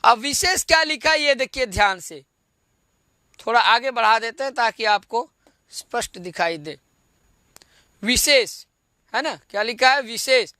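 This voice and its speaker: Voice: mid-range voice, sharp tone, clear, resonant tone, no room sound. A teacher giving an online class, patiently drilling each form aloud, repeating it and quizzing the pupils. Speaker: Sanskrit teacher.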